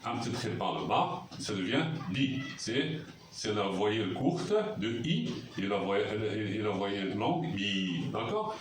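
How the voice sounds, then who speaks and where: Guy teaching slow and patient, lively up and down voice, echoey room, mic kinda far. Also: fairly low pitch. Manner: patient, repeats sounds slowly, checks with "d'accord?". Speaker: Arabic teacher. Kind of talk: classroom lesson at a board. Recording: roomy echo, mic far off, faint noise.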